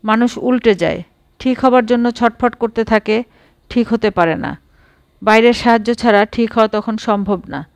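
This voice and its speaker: A woman's voice: on the high side, normal speed, no room sound, close to an everyday voice. A woman voicing a grave, earnest young uncle in a storybook reading. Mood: gentle, grave.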